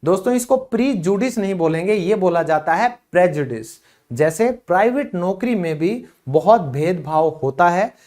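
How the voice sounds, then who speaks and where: A man teaching English vocabulary in a casual, chatty way, speaking to viewers as friends and saying each example sentence slowly and carefully. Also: sits high, lively intonation, a little mellow.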